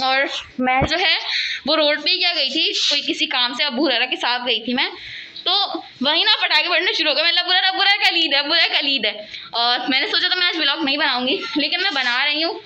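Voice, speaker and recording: A woman vlogging casually at home, chatting and rambling to her viewers and talking loudly over household noise. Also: sits high, lo-fi sound. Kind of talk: casual home vlog chat. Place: at home, cooking and sweeping nearby.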